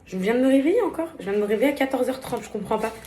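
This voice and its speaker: A woman's voice: fairly high pitch, lively intonation, very fast, warm tone, a little hiss or hum. A young woman vlogging casually to her followers, tired and rambling, with many fillers and restarts. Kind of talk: casual vlog chat to followers.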